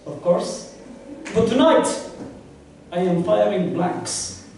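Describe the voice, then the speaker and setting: A man playing a deadpan Soviet KGB comrade in a live comedy double act, with a mock Russian accent and stiff, broken English. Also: sits high, slow pace, a little hiss or hum, heavily acted. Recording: echoey hall from far off.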